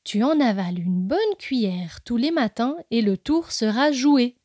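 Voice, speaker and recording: A woman's voice: on the high side, lively intonation, a little slow, no room sound, studio quality. A woman voicing a kindly, reassuring father squirrel in a storybook tale. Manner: gentle, reassuring.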